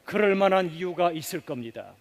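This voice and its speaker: A man with a high-pitched voice delivers a sermon from the pulpit, his words ringing with the long reverb of a church sanctuary. He questions the congregation and has them repeat after him, punching some words and letting others fall to a near hush. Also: lively intonation, fairly quick. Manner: emphatic, swings from loud stresses to soft, hushed endings. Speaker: pastor.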